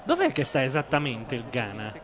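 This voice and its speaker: A man's voice: medium pitch, huge pitch swings, fairly quick. A man bantering casually over a football match with dry, sceptical comments. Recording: loud crowd behind the voice.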